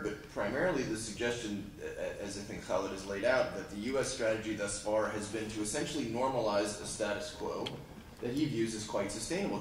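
Low-voiced moderator, distant and echoey. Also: male voice, a little hiss or hum. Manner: measured, questioning. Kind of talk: moderating a panel. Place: conference hall. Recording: echoey hall, far from mic.

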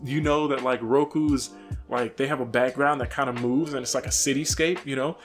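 A young man telling a story casually to camera in an expressive, slangy way, acting out reactions. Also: medium pitch, normal speed. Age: young adult. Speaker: vlogger. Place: small furnished room with couch, indoors. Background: music.

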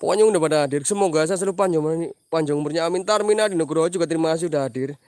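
A man's voice: a little high, racing, darkish tone, dry recording. Jumpy man on a night stream. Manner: jumpy, praying aloud, reading out viewer names. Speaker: livestream host exploring at night. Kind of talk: live night ghost-hunt stream chatter.

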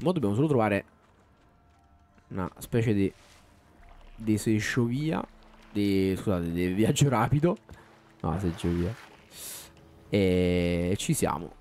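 A man's voice: on the low side, moderate pace, long pauses. A man casually commenting on his gameplay live, slangy and talking to his chat. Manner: animated, slangy, talks to chat. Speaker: streamer. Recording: faint background music.

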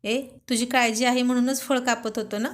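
A woman's voice: fairly high pitch, flat delivery, normal speed, natural voice. A woman voicing a playful, affectionate young husband who teases and coaxes his wife in a storybook reading. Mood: teasing. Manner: teasing, coaxing.

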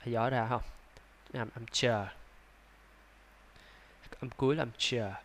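A man with a Vietnamese accent teaching English pronunciation, sounding out words slowly, repeating them and adding chatty asides. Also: mid-range voice, fairly even intonation. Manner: breaks into soft laughs and chatty asides. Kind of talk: slow, drawn-out pronunciation lesson.

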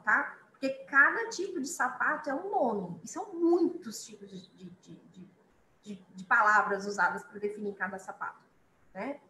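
A woman teaching a beginners' online English lesson, chatty, repeating each word slowly for her students. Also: sits high, pushed and bright, roomy sound, poor audio.

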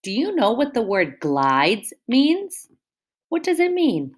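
Reading a picture book to young children, a woman teacher stops now and then to explain new words and pose questions. Her slow, patient delivery rises and falls in a lively, sing-song fashion, and her voice sits on the high side with a slight roughness.

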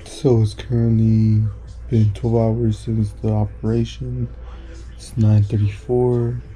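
A man's voice: fairly low pitch, level tone, slow pace, dark tone. A young adult man chatting casually to his camera as a vlogger, laid-back and slangy, his speech slightly thick and slurred. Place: small clinic room, car and bedroom. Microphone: camera at arm's length. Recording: noisy handheld camera audio with room ambience.

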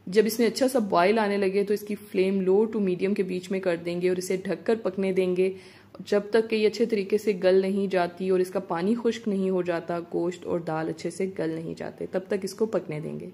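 A woman narrating a home recipe as a voice-over, giving calm step-by-step cooking instructions. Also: medium pitch, normal speed. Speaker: cooking channel host.

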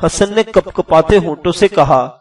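A man narrating a historical tale in a steady, dramatic storytelling manner, recorded from a distance over faint background music. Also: high voice.

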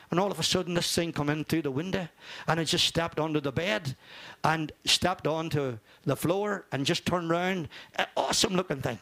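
A man's voice: fairly high pitch, a bit bright. An older man preaching an informal sermon, fervent and rambling, dropping in amen and hallelujah. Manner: rambling, repeats words.

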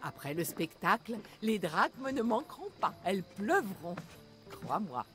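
Theatrical old poetess, lively pitch. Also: female voice, unhurried, over music. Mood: proud, amused. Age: older. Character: grey-haired old poetess, proud, theatrical, fond of her art. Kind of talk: video game character acting in French dub.

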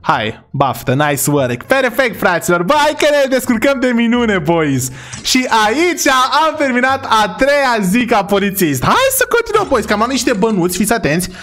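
A young man from Romania giving excitable, chatty commentary while playing a video game, talking to his viewers. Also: sits high, faint music behind. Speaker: gaming YouTuber. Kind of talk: gameplay commentary.

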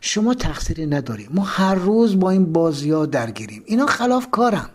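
A kind, matter-of-fact prison duty officer, as a male narrator puts him on in a spoken memoir. He explains in a plain, reassuring manner, with a somewhat high voice that moves through a lively range.

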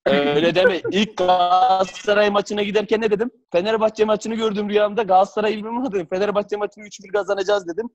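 A former footballer, a man, tells animated stories on a video call, laughing often and acting out what others said. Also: high-pitched, quick pace, few pauses, dull audio, faint music behind. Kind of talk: casual storytelling on a video call.

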